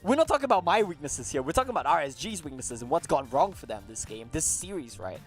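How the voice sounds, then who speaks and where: At an esports desk, a male commentator trades playful, sardonic banter and analysis in a high, sing-song voice, talking fast over faint music. He has a speech quirk of pronouncing "th" sounds as "t".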